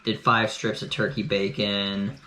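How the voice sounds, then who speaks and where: A man's voice: fairly low pitch, flat delivery, unhurried, sharp tone, roomy sound. A man vlogging casually about his food for the day, easygoing and chatty, sometimes talking while he eats at home. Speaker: cycling vlogger. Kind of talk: casual vlog to camera. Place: home, kitchen and couch.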